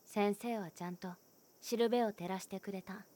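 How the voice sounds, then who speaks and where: A woman with a medium-pitched, steady voice performs a candid, cheerful teenage student in voice drama, teasing her a little. She talks at normal speed, and the acting is light.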